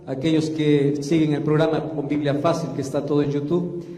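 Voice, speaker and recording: A male pastor preaches with a warm, mellow voice pitched a little high. He draws out key phrases slowly and with emphasis. His voice rings through a reverberant church hall. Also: level tone. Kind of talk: sermon.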